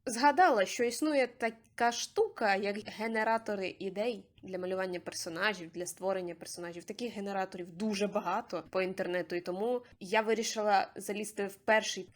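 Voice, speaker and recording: A young woman talking casually over her drawing process, chatty and self-deprecating, her pitch jumping up now and then. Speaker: artist vlogger.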